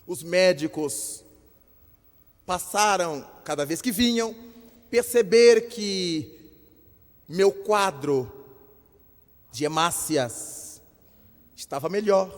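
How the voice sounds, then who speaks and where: High-voiced man telling a lively story. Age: older. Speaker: spiritist lecturer. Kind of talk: storytelling lecture. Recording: long hall reverb.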